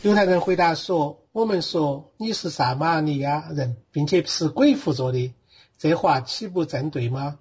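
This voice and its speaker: A man reading scripture aloud in a steady, measured way. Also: a little high, slightly rough. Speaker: guest reader. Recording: dull lo-fi recording.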